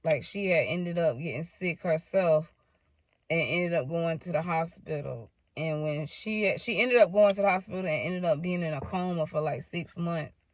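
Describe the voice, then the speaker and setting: A woman's voice: on the low side, normal speed, dry recording. A woman telling a personal story to her viewers in a casual, candid way, swearing freely and speaking straight to them. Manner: candid, profane, addresses viewers directly. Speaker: storytime vlogger.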